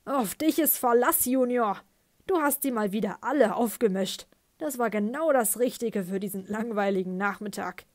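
A woman voicing a big, brash father with a loud, booming, hearty way of talking, in an audiobook. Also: fairly even intonation, brisk, hardly any pauses, lightly acted. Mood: hearty, gloating.

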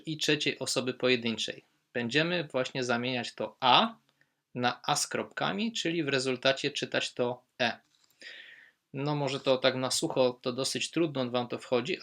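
In what sounds like a recorded online lesson, a male German teacher explains verb endings step by step at a slow, unhurried pace. His mid-range voice is bright and clear, and he patiently stresses each German example word learners should remember.

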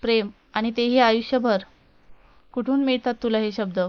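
Storybook part: a haughty young tycoon, voiced by a woman narrator, cold and scornful, smooth, dull recording. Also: on the high side, fairly even intonation, moderate pace, natural voice. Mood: irritated. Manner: cold, dismissive, mocking. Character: arrogant rich young male businessman.

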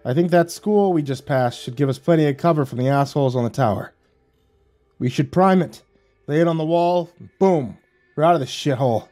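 A man doing a gruff, blunt army sergeant. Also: on the high side, brisk, dark tone, faint music behind, natural voice. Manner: blunt, coarse.

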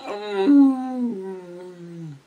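A vlogger from the US South chats in a casual, slangy way with a Southern American accent during a taste-test video, growing excited as she reacts. Her voice is medium-pitched and her delivery extremely slow.

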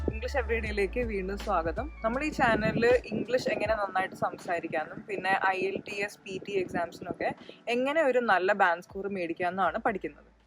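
A woman's voice: medium pitch, poor audio. A woman hosting her own channel and teaching English pronunciation in a patient, step-by-step explanatory lesson.

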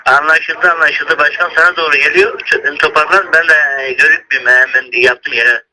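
A man speaking haltingly in short, repeated radio-style phrases over a thin two-way radio or phone line. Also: fairly high pitch, steady tone, sharp tone, a little hiss or hum.

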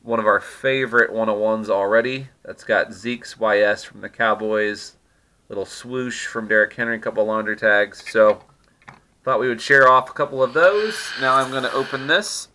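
A fairly low, sharp-toned male voice at normal speed belongs to a middle-aged man who runs a card-opening channel. He teases and chats casually as he opens trading card packs at his desk at home, laughing frequently throughout the commentary.

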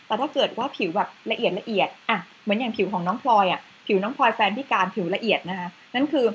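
A woman's voice: a little high, fairly bright tone, slight background noise, poor audio. A woman presenting a facial cleanser in a chatty, casual way with slides, adding polite particles to most phrases.

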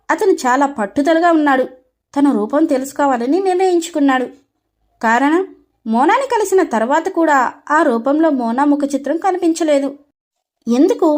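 A woman narrating an animated storybook with expressive, scripted storytelling. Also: high voice.

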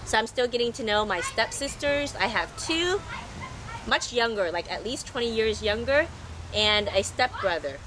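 Middle-aged woman, sailing vlogger, scratchy voice, higher register, easygoing and rambling. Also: expressive, moderate pace. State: scratchy, recovering from losing her voice. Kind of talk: casual unscripted monologue to camera.

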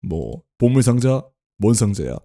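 A man's voice: lowish voice, big pitch swings, measured pace, dark tone. A man giving casual let's play commentary, chatty and often laughing as he reads the game text aloud. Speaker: game streamer.

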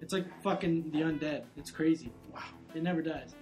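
A man's voice: on the high side, fairly quick, over music. A young man commentating a video game with friends, joking, swearing and laughing a lot. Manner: profane, jokey, laughs a lot. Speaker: let's play commentator. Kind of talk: casual chat.

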